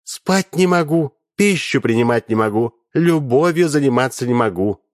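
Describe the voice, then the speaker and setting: A man voicing a flippant, vain young woman in a raised, drawn-out voice. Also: animated, dry recording, clean studio sound, natural voice. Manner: pitched up high, drawn out.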